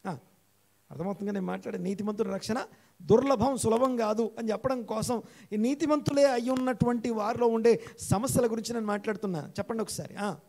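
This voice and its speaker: A male pastor with a high voice and a gravelly edge preaching an interactive church sermon. He repeats key phrases to drive them home and keeps putting questions to his listeners. He slows down and lifts his voice when he reads scripture aloud. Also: a little mellow. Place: church hall.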